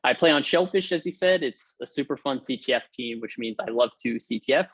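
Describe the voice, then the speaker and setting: This guest lecturer, a young man from Hawaii, speaks a little fast in an expressive, slightly rough mid-range voice. He's giving an informal, upbeat technical talk by video call from a room at home or an office, with plenty of fillers and restarts, captured in a dry recording.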